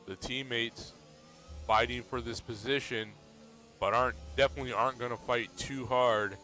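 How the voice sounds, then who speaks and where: A man commentating a sim racing league race in a relaxed, steady play-by-play manner. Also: medium pitch, normal speed. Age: adult.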